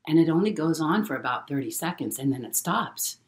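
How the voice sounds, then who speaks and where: A middle-aged woman telling a personal story in a halting way, repeating words and using many fillers. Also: sits low, expressive. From Hawaii. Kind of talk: casual spoken storytelling.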